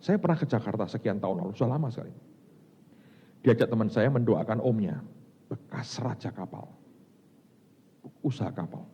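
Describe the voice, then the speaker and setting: A male pastor with a Javanese accent from Semarang, preaching a sermon in a lively storytelling manner, jumping from loud exclamations to hushed lines. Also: lowish voice, a little fast, long pauses, a little hiss or hum. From Semarang, Indonesia. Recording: dull sound in a reverberant hall.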